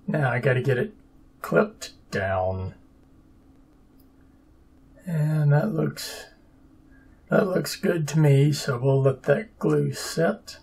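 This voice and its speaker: A man's voice: a little high, lively intonation, takes it slowly, vocal fry, long pauses, a little mellow, slightly rough. A man narrating his own papercraft build in a casual, dry, sarcastic and self-deprecating way. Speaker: papercraft hobbyist.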